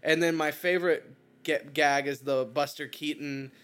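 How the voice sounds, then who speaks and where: A man's voice: fairly high pitch, steady tone, normal speed, fairly bright tone, clear, resonant tone. A man co-hosting a podcast in a casual, joking, self-mocking chat. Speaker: podcast co-host.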